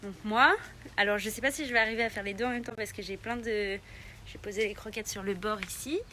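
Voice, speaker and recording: A woman's voice: medium pitch, steady tone, a little fast, sharp tone, slight background noise. A young woman making a casual vlog tutorial, chatting with lots of hesitant fillers. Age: young adult. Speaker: pet vlogger.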